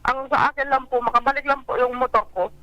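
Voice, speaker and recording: A woman speaks over a dry, tinny phone line, her voice very high and bright. She is soft and hesitant and sounds close to tears. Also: steady tone, fast talker, no echo. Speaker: caller. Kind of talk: emotional phone call on a radio program.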